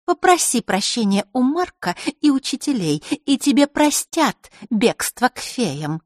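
A woman's voice: a little high, big pitch swings, measured pace, dry recording, studio quality, pitched above the performer's own voice. A woman voicing a scheming teenage girl who taunts her rival in a sneering way. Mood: mocking.

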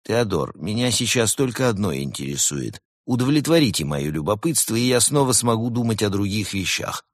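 A man's voice: normal speed, no room sound, studio quality. A man voicing a fussy, reluctant male koala spy in a storybook reading. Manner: higher and more excited than the narration.

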